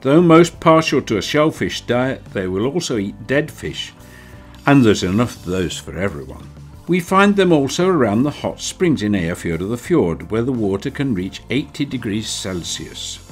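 A man reading scripted nature documentary narration in a measured, wryly playful storytelling manner. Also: mid-range voice, sing-song. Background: background music.

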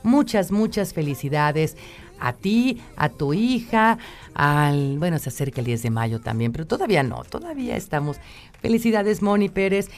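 Mexican woman radio host, lowish voice, upbeat, reads listener greetings on air. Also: sing-song, normal speed. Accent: Mexican Spanish. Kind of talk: live radio talk show.

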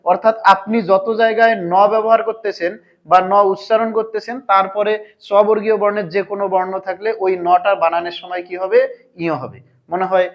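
A man's voice: sits high, dull audio. A man teaching a language lesson, asking his viewers questions and answering them himself. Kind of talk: explanatory grammar lesson.

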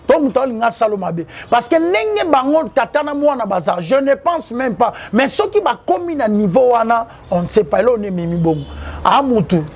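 A man's voice: very high-pitched, sing-song, normal speed. A man, talking in an interview with a preachy manner and quoting the Bible. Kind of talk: interview mixing French and Lingala.

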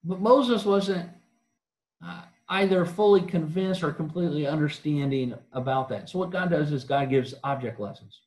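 Earnest preacher, higher voice, echoey church. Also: male voice, normal speed, a little mellow. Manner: earnest, questioning, with frequent restarts and fillers. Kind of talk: sermon. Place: church auditorium.

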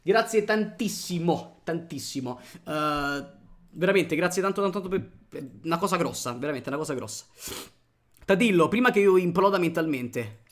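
A man's voice: on the high side, animated, normal speed, a bit bright. A man streaming live at his computer, thanking viewers one by one and chatting as he plays.

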